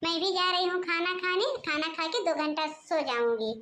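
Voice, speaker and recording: Woman voicing a snappy high-voiced young daughter-in-law. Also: normal speed, pushed and bright, slight background noise. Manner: snappy, scolding, sarcastic. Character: sharp-tongued young daughter-in-law, rude and impatient. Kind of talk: cartoon voice acting.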